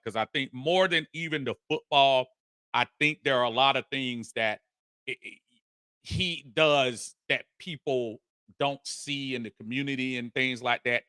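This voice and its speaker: A man hosting a live sports talk stream, energetic and folksy, greeting viewers by name and reading their comments. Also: mid-range voice, dry recording, clean studio sound. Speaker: sports talk show host.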